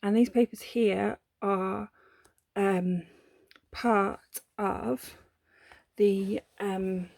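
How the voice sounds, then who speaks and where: A woman's voice: mid-range voice, steady tone, very slow, gravelly, darkish tone, dry recording. A woman, from the UK, chatting casually through a papercraft unboxing, gushing about the items with lots of ums and self-corrections. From United Kingdom. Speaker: papercraft vlogger.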